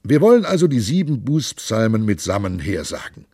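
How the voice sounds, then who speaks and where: A man voicing a jovial, hard-drinking monk in an audiobook, loud and hearty with a raised voice. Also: very animated, moderate pace, slightly rough, dry recording, studio quality. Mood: boisterous. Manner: loud, hearty, high-pitched boisterous delivery. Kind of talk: audiobook character voice.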